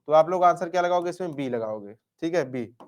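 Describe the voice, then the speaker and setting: Brisk and expressive, with a voice on the high side, a male Hindi grammar teacher runs through exam questions. He repeats each answer, asks himself "क्या?" and replies, and affectionately nicknames his students.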